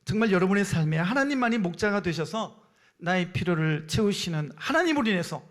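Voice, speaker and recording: A man's voice: high-pitched, animated, fairly quick. A man preaching a sermon as pastor in a church, emphatic and calling out to the congregation for responses. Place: church sanctuary.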